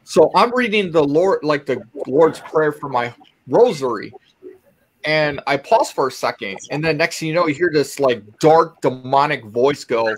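A man's voice: on the high side, animated, normal speed, slight background noise. A man on a video call telling rambling stories about his paranormal investigations, with frequent restarts. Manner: rambling, restarts, retells eerie encounters. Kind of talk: casual storytelling on a video call.

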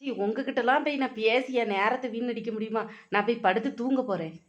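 A sharp-tongued young daughter-in-law, quick with mocking comebacks, as a woman plays her. Her voice is high and fast-paced. The recording sounds a little dull and lo-fi. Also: close to an everyday voice. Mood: defiant. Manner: retorting, mocking, fast talking. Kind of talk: cartoon voice acting.

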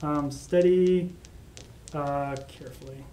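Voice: mid-range voice, fairly even intonation, takes it slowly. A game master hesitantly narrating a tabletop game, with lots of filler words. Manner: rambling, hesitant, full of fillers. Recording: echoey room, faint noise.

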